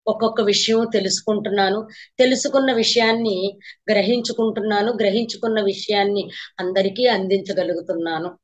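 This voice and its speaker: A woman's voice: mid-range voice, a little fast. A woman meditation teacher giving a spiritual talk to a class, telling her story earnestly and repeating phrases for emphasis. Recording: slightly dull lo-fi recording.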